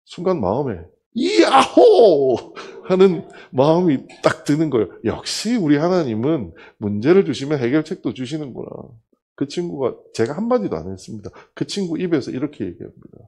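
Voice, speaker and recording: A man's voice: a little high, fairly quick, breathy edge. A middle-aged male pastor preaching a sermon, telling a personal testimony and acting out the dialogue of the people in it. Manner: storytelling, acting out dialogue with lively swings.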